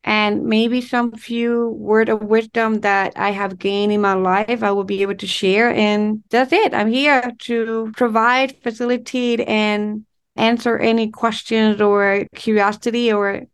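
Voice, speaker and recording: A woman from Ecuador, a relationship and intimacy coach, speaking as a guest in an interview, expressive and flowing, stringing words together in slow runs. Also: on the high side, clean tone. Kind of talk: conversational interview.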